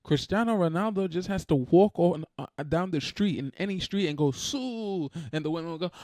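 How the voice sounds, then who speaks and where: A man's voice: on the high side, a little fast, dark tone, no echo, studio quality. A man hosting a reaction video, talking in a blunt, profane, exasperated casual rant.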